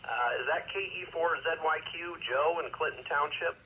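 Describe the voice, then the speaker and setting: A man acting as amateur radio net controller, reading procedure in a measured, formal way over two-way radio with static. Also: a little high, bright, forceful tone, rough recording. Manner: measured, formal, with hesitant asides. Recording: radio transmission with faint static noise.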